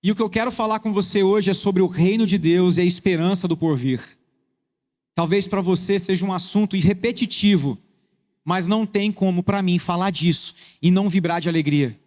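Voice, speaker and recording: A man with a Brazilian Portuguese accent preaching a sermon with a personal testimony, earnest, moving between quick bursts and slow emphasis. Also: high-pitched, a little mellow. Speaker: pastor. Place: church hall. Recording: echoey church hall.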